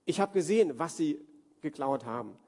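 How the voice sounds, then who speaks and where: A man's voice: fairly high pitch, animated, normal speed, dark tone, slightly rough, voice pushed down. A man voicing a frustrated young man who doubts and pleads, in a casual modern retelling. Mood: complaining. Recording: reverberant hall.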